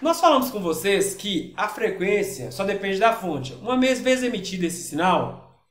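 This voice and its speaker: A man's voice: high voice, sing-song, normal speed, roomy sound. A man with a Brazilian Portuguese accent, a physics teacher talking casually through worksheet exercises in an online lesson and often checking in with his students.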